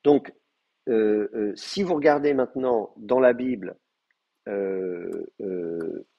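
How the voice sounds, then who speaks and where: A man lectures a live class, working through grammar points patiently with frequent pauses and fillers. His voice is husky and slightly breathy. The recording is dull and lo-fi. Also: fairly low pitch. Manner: hesitant, many fillers, explains step by step. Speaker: Hebrew teacher.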